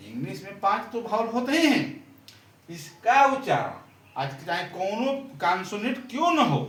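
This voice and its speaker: A man's voice: sits high, sing-song, normal speed, fairly bright tone. A male teacher, explaining grammar to a class, repeating and quizzing as he writes. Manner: repeats and quizzes the class, writing while talking. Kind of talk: blackboard grammar lesson. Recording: roomy echo, far from mic, faint ambience.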